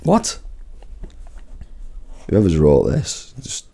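A man's voice: low-pitched, wildly swooping pitch, extremely slow, gravelly, mellow. A man co-hosting a podcast in crude, casual banter, reading list items aloud and laughing often. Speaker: podcast co-host.

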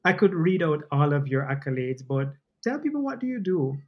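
A man hosting a podcast interview, excitable and playful, teasing his guest. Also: a little high, muffled recording. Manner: scripted intro, then chatty and quick to tease. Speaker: podcast host. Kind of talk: casual interview.

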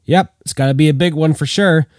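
A man voicing a friendly, confident male bomber crewman giving brisk, matter-of-fact advice. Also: fairly high pitch, dry recording, clean studio sound, voice pushed up, natural voice. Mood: easygoing.

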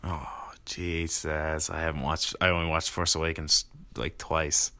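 Deep-voiced man, hesitant quiz player. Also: level tone, unhurried, dry recording. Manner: hesitant, thinks out loud. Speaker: trivia contestant. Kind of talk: casual quiz banter.

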